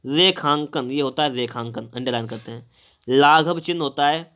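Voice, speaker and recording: A man's voice: mid-range voice, normal speed, fairly bright tone, clear, resonant tone. A man teaching a grammar lesson for exams, explaining step by step and asking and answering his own questions. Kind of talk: exam-prep grammar lesson.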